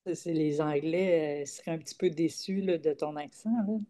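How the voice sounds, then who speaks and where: A woman comedian with a Quebec French accent, chatting casually in an interview and pausing often on filler sounds. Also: low-pitched, fairly even intonation, warm tone. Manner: halting, frequent "euh" fillers. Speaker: comedian guest.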